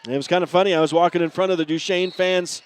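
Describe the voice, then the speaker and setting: A man calling a high school basketball game play-by-play, chatty and often correcting himself on air. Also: fairly even intonation, racing, clear, resonant tone. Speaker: play-by-play announcer.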